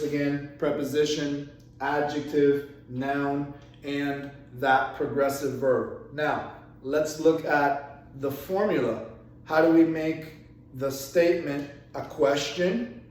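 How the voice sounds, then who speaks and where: A man's voice: on the high side, darkish tone, recorded from a distance, a little hiss or hum. A man teaching an English grammar lesson, explaining patiently step by step with repeated examples. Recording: echoey room, voice from off-mic.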